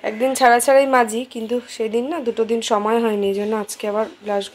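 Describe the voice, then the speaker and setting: Holding her phone camera, a young Bengali-accented vlogger talks directly to her audience about her family's day, chatty and occasionally hushed. Her voice sits a little high, with fairly level intonation and a quick delivery, over a noisy background.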